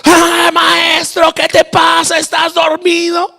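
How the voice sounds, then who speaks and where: A man voicing frightened disciples, shouting high and strained at their teacher in a reverberant hall. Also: completely flat delivery, takes it slowly, vocal fry, soft background music, full character voice. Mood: frantic.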